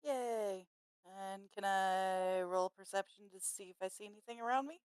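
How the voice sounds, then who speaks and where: A woman's voice: mid-range voice, moderate pace, smooth, dry recording. A woman playing in a tabletop game, chatting in a cheerful, playful way. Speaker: player. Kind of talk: casual tabletop game chat.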